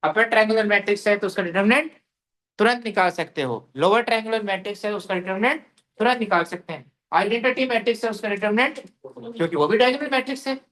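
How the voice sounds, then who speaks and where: Teacher, male, fairly high voice, classroom drill style: repeats, quizzes, answers himself. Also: fast, fairly bright tone. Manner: drilling, asks questions and answers them, repeats phrases; calls students "beta". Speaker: math teacher. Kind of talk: classroom lecture. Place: classroom with a board.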